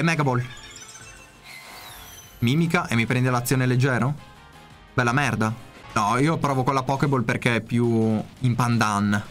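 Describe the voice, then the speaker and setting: A man commentating his own video game play in casual speech, excitable, swearing often and yelping in sudden outbursts. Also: mid-range voice.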